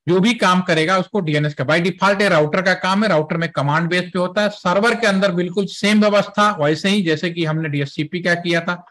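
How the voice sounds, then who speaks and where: A man's voice: high voice, fairly bright tone. A man teaching a networking class, walking students through a demo step by step and mixing in English terms. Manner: conversational, explaining step by step with Hindi-English mixing; asks students checking questions. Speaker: networking trainer. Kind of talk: classroom lecture with software demo.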